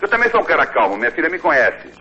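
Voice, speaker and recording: A father shouting insults and scolding a young man over the phone, exasperated and furious. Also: on the high side, sing-song, very fast, breathy edge, highs cut off. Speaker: father on a prank call. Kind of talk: heated phone argument.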